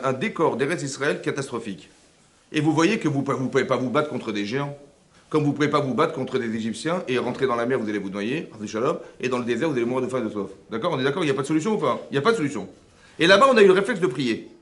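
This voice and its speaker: A man, a rabbi giving a lively religious lesson to a women's class, full of rhetorical questions and checks on whether his listeners follow. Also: medium pitch, quick pace. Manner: animated, rhetorical questions, frequent checks on understanding. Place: seminary classroom.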